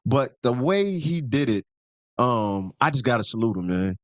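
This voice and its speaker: A man's voice: medium pitch, lively intonation, normal speed, no echo. A man co-hosting a podcast in casual chat, laid-back and loose with slang, stopping to correct himself. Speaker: podcast co-host.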